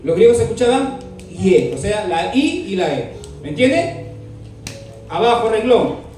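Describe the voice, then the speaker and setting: Man, Bible teacher, quizzing the class, high voice, far from the mic. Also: sing-song, unhurried, darkish tone. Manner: asks the class questions often; spells out words letter by letter. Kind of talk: classroom lesson with dictation. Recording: very echoey room, mic far off, faint music.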